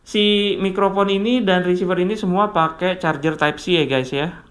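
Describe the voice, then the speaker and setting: A man's voice: on the high side, fairly bright tone. A man giving a casual product review, chatty and addressing viewers often. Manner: chatty, says "guys" a lot. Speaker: tech reviewer.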